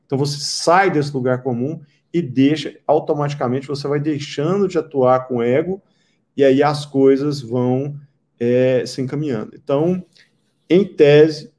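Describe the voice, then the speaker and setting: Male teacher, calm explainer, rhetorical questions, warm dark tone. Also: fairly high pitch, normal speed. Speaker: therapy founder and teacher. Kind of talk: explanatory talk.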